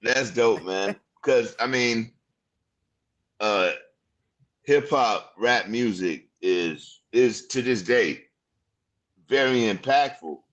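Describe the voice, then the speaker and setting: A man in his fifties hosting a casual interview, excitable and rambling, full of slang. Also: lowish voice, slow, long pauses. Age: 50s. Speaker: podcast host.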